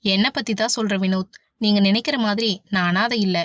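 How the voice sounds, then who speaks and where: A heartbroken young heroine who speaks softly through her sorrow, read by a woman narrator. The sound is dry and slightly dull. Her voice sits in an ordinary middle register. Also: mid-range voice, fairly even intonation, a little fast, no echo, natural voice. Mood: sorrowful. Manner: sorrowful, tearful. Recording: dull, dry audiobook recording.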